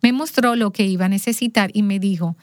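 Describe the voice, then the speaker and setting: A woman guest in a conversation, recounting a family story with lively expression and playing out the dialogue. Her voice sits in a middle register and sounds dry and close, with no room around it. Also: mid-range voice, fairly quick, no room sound. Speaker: interview guest.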